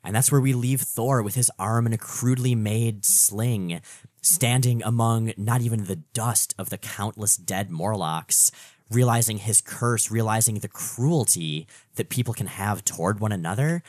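Expressive man, lowish voice, close and dry. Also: unhurried, no echo. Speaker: podcast co-host. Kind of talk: conversational comic-book recap.

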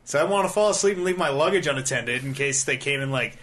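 A man's voice: mid-range voice, fast, fairly bright tone. A man hosting a gaming podcast, telling a rambling travel story in casual chat, swearing freely. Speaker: podcast host.

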